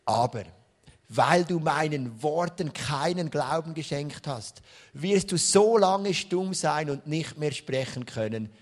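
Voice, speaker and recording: A solemn male archangel delivers his message in slow, loud, formal proclamations, voiced by a man. The voice sits a little higher than usual and carries a Swiss German accent. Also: lively intonation, heavily acted.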